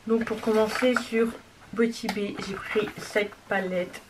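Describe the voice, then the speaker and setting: A woman showing off a makeup haul in a casual, gushing way, sometimes dropping to a soft whisper. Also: medium pitch, fairly even intonation, takes it slowly. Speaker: beauty vlogger. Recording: distant mic with clear background noise.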